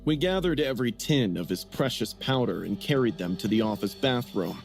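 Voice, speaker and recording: A man narrating a first-person story in a scripted, even telling. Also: mid-range voice, brisk, creaky. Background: music.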